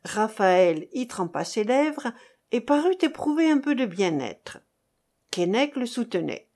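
A woman narrating a classic novel as an audiobook, in a measured, expressive reading. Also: a little high. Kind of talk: scripted literary narration.

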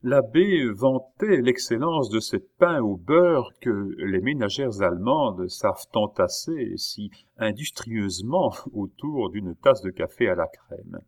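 A man narrating a classic novel aloud in a measured way, with the odd hesitation. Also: lowish voice. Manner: measured reading with occasional hesitations. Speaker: audiobook narrator. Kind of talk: literary audiobook narration.

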